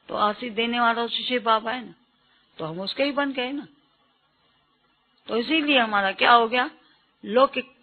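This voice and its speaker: Older woman, spiritual teacher, unhurried storytelling sermon, phone-thin archive audio. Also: on the high side. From Sindh. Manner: slow storytelling with quoted sayings and questions to listeners. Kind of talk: devotional talk recalling early memories. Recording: tinny phone-like archive recording.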